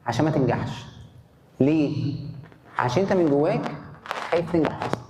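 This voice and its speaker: Animated man lecturing in an echoey hall. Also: a little high, brisk. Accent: Egyptian Arabic. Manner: animated, asks the audience questions and answers them. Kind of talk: conference talk. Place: conference hall. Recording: echoey hall, faint noise.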